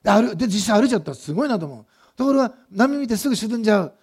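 A man's voice: sits high, lively intonation, racing, darkish tone, slightly rough. A male pastor preaching a sermon, telling the story vividly and asking the congregation questions as he goes.

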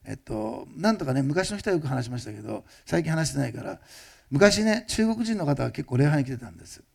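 A male pastor giving a fast-paced, conversational sermon that often turns to ask the listeners questions. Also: on the high side, very animated, vocal fry, slightly rough. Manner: fast-talking, admits rushing. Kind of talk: sermon testimony.

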